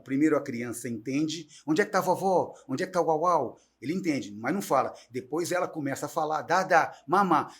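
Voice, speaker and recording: A middle-aged man, a guest teacher, talking in an animated, chatty storytelling way on a talk show. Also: fairly high pitch. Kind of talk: casual talk-show conversation.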